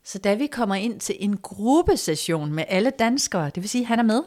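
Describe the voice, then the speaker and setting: A woman calmly telling a personal story in a casual conversation, reflective and hesitant, with fillers and soft, hushed stretches. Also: mid-range voice. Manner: reflective, hesitant with fillers, drops to soft near-whisper at moments.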